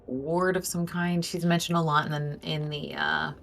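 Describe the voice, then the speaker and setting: A woman's voice: low-pitched, very animated, moderate pace, fairly bright tone. A woman chatting casually as a player at a tabletop game. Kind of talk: casual chat. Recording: faint background noise.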